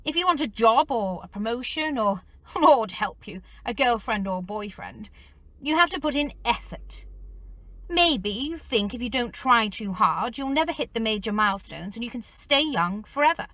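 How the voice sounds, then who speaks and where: A woman's voice: fairly high pitch, expressive, moderate pace, bright, forceful tone, dry recording. An actress playing a weary, sarcastic teacher in her forties who lectures students in detention. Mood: sardonic. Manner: dry, sardonic lecturing. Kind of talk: dramatic monologue.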